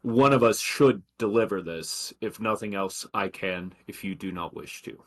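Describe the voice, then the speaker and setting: A man voicing a calm, gentle male warrior in a tabletop game, near his own voice. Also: on the low side, normal speed.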